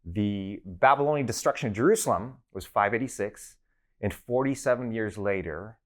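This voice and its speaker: A middle-aged man from the United States, a professor being interviewed, talking in a relaxed way and telling personal stories with fillers and restarts. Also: fairly low pitch, moderate pace. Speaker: guest professor. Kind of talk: conversational interview.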